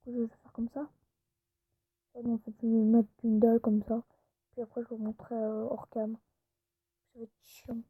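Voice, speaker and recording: A woman's voice: fairly high pitch, level tone, fairly quick, pauses often, slightly rough, dry recording. A woman YouTuber giving casual gameplay commentary, chatty and often dropping into whispered asides. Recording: tinny phone-like recording.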